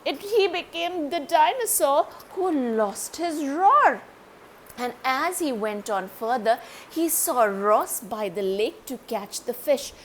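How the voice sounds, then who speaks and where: A woman reading a children's story aloud, animated and speaking directly to young listeners. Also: high voice, slow, slight background noise.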